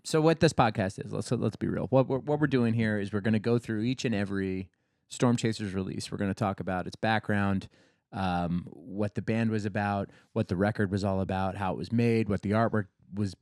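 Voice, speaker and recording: A man's voice: lowish voice, steady tone, fairly quick, darkish tone, no echo, clean studio sound. A man co-hosting a casual podcast, rambling with fillers and jokes. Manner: rambling, filler-heavy, joking. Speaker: podcast co-host, label founder. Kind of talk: casual chat.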